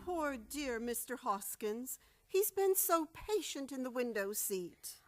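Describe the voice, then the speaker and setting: An actress playing a prim, tender but stubborn elderly aunt in old-time radio comedy style. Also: female voice, high-pitched, very animated, slow, full character voice.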